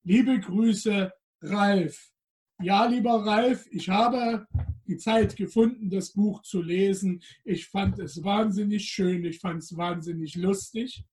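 A man's voice: high voice, fairly even intonation. A man appearing as Santa Claus, reading a storybook aloud to children and talking to them directly. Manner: addresses children directly, slow and gentle.

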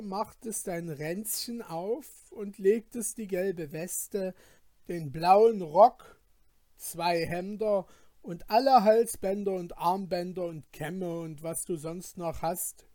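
A man's voice: sits high, warm tone, dry recording, clean studio sound. A man voicing a carefree, mocking male journeyman who teases his frightened companion in a read-aloud fairy tale. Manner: teasing, dismissive, jovial.

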